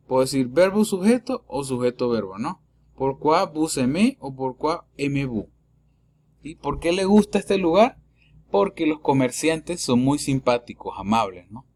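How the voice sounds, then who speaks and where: A man giving a recorded French lesson in Spanish, patient, saying words slowly twice and checking with a quick "¿sí?". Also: a little high, a little mellow. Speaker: French teacher.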